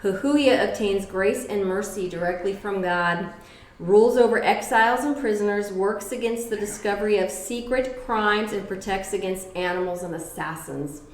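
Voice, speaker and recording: A woman's voice: medium pitch, normal speed, echoey room, poor audio. A middle-aged woman giving a casual tarot reading, blunt and profane, with emphatic repetitions. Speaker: tarot reader.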